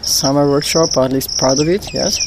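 Interviewer: low-pitched woman, short hesitant questions, crickets audible. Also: fairly even intonation, normal speed. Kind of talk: casual interview. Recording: outdoor noise with crickets. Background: crickets and insects.

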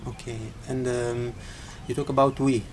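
A man's voice: mid-range voice, flat delivery, normal speed. A man interviewing, asking hesitant questions with many uhs.

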